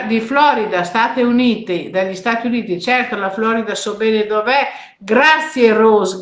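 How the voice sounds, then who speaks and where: A woman's voice: fairly high pitch, fairly bright tone, roomy sound. An older woman from hosting a live stream, chatting casually and greeting viewers by name. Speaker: host of a weekly live stream. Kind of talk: casual live chat reading viewer comments.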